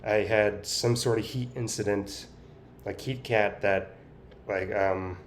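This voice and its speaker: A man giving a casual, halting personal update, with effortful, impaired articulation as he talks biting down on a straw held in his teeth. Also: fairly low pitch, fairly even intonation, a little hiss or hum. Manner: talking through clenched teeth, biting on a straw. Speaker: vlogger sharing speech progress.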